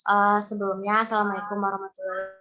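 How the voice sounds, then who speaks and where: A woman's voice: mid-range voice, little pitch movement, fast, sharp tone, highs cut off. A young woman, a student, starts a class presentation with hesitant fillers while her video call audio breaks up and cuts out. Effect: video call audio breaking up and cutting out. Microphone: laptop or phone mic on a video call.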